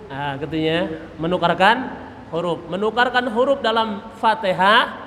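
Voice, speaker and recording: A Quran recitation teacher patiently works through letter sounds and chants verses as examples in a tajwid lesson. His high, pushed, bright voice moves a little slowly, echoing through a reverberant mosque hall with a faint background noise.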